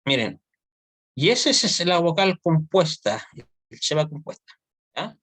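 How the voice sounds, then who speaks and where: A man's voice: on the high side, big pitch swings, slow pace, fairly bright tone, no echo. A man teaching an online Hebrew grammar class, explaining step by step and often checking that students follow.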